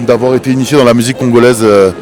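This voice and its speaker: A middle-aged man from Paris, a drummer, answering interview questions in a warm, easygoing way. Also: mid-range voice, steady tone, racing. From Paris, of Cuban descent. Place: busy train station. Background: music.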